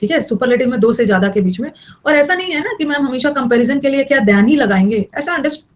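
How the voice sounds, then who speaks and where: A woman's voice: high-pitched, lively intonation, fast, low-quality recording. A young woman teaching an online English grammar class, mixing explanation with chatty scolding asides to her students.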